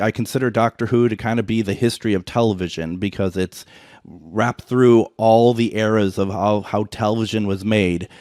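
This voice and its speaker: A man's voice: fairly low pitch, a little mellow, dry recording, clean studio sound. A man hosting a radio show, talking in a casual, conversational way. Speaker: radio host. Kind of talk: casual radio chat and ad reads.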